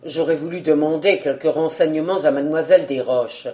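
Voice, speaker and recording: A woman reader playing a great male detective who speaks gravely and categorically in a lowered voice. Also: brisk, mellow, natural voice.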